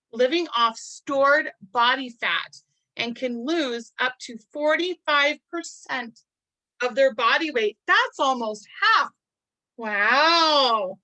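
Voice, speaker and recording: A woman reading a picture book aloud to children, marveling in a gentle, teacherly way and adding chatty asides to explain things. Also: high-pitched, poor audio. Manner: adds chatty explanatory asides between passages.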